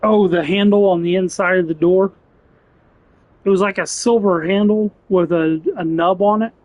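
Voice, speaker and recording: A man's voice: high voice, fairly even intonation, normal speed, a little mellow, lo-fi sound. Chatty man commenting on a truck game. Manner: chatty, joking asides. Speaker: gaming channel host. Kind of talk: casual gameplay commentary.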